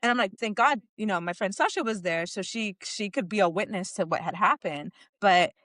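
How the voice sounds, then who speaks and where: A woman's voice: mid-range voice, lively intonation, fairly quick, a bit bright, no room sound. A woman co-hosting a podcast, telling a personal story in a candid, conversational way with frequent filler words. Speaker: podcast co-host.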